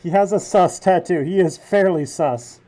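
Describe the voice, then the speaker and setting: Irreverent young man, bright high voice. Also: moderate pace. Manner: irreverent, joking, swears freely. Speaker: reaction video host. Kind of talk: casual reaction commentary.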